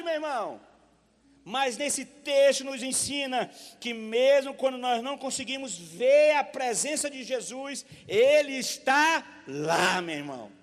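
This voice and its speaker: A man preaching a sermon, telling folksy stories and often calling the listener "meu irmão", rising to loud exhortation. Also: very high-pitched, big-room sound. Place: church.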